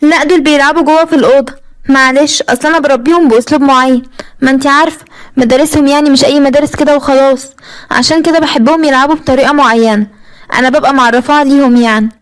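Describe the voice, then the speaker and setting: A snide Egyptian sister-in-law, played by a woman narrator, needling in a high, very fast voice. Her talk is condescending in a storybook cartoon telling. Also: fairly even intonation, natural voice, poor audio.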